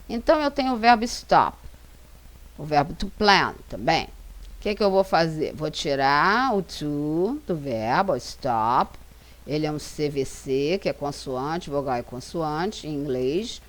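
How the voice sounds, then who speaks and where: A Brazilian woman with a Brazilian Portuguese accent, an English teacher narrating a slide lesson and reading example sentences slowly and carefully. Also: low voice, sing-song. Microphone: voice-over for slides.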